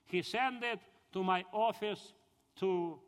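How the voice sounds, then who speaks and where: Ukrainian-accented man with a high voice. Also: fairly bright tone. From southern Ukraine. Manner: halting, earnest storytelling in broken English. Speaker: speaker giving his testimony. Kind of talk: personal conversion testimony. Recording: long hall reverb.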